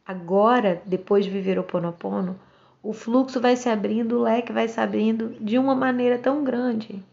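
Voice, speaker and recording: A woman's voice: a little high, fairly even intonation, moderate pace, gravelly, a little mellow, dull audio. A Brazilian woman in her forties, speaking outspokenly and directly in a casual monologue to camera. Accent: Brazilian Portuguese. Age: 40s. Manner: outspoken and direct, acts out quoted voices. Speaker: vlogger.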